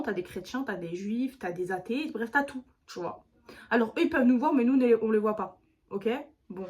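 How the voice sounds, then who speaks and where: Talking directly into the camera, a woman shares a casual storytime with her YouTube viewers. Her voice is a little high and a little mellow, and her delivery is chatty and full of slang.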